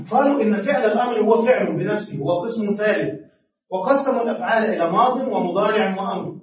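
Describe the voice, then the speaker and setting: A man teaching a grammar class, asking his students questions and then answering them himself. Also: high-pitched. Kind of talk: classroom lesson. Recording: echoey classroom from far off, dull.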